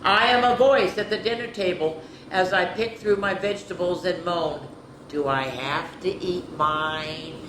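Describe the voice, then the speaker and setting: Echoing through a roomy space with faint background noise, a fairly low-pitched woman reads a picture book to kids. Her delivery is slow-paced, bright and animated with strong emphasis, broken by asides and throat clearing.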